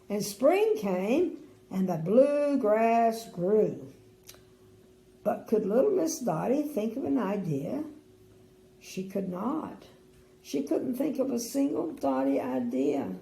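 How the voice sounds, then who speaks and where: An older woman, a sweet grandmotherly storyteller with a creaky voice, reads a bedtime story expressively and adds chatty asides. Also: mid-range voice, sing-song, takes it slowly, mellow. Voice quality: creaky, gravelly. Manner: sweet old lady, grandmotherly. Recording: roomy indoor echo.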